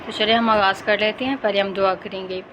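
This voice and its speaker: Woman teacher sounding out letters, flat tone. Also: medium pitch, noisy background. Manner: patient, drawn-out letter sounds with quick explanations. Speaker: Quran reading teacher. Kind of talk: step-by-step recitation lesson. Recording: dull lo-fi sound.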